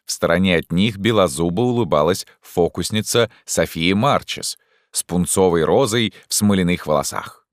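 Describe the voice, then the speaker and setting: A man narrating a story as an audiobook in an expressive way. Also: low-pitched, normal speed, no room sound, studio quality. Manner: expressive, acting out voices.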